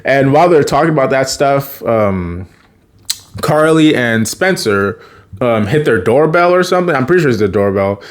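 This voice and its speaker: Brief: casual male recapper, animated pitch, stumbling and rambling. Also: normal speed. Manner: rambling, many fillers and self-corrections. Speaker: video creator.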